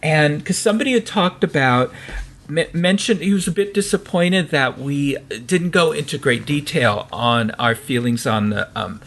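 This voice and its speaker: A podcast co-host with a General American accent chats casually, full of restarts and fillers. His voice is fairly high and a bit bright, animated, at a moderate pace.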